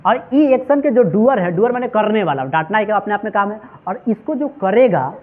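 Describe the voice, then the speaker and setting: A man's voice: high voice, animated, brisk. A man teaching a grammar lesson, drilling his students with the same questions again and again. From Bihar, India. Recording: tinny phone-like sound.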